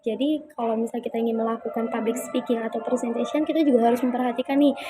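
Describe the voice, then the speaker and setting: A young woman giving an informal class presentation, chatty and hesitant, pausing often with fillers. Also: fairly high pitch, steady tone, background noise. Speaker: student presenter.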